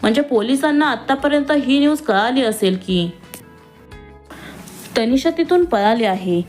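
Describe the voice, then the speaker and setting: A woman voicing a gentle, anxious young wife who talks in a pleading way. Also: high-pitched, animated, normal speed, faint music behind.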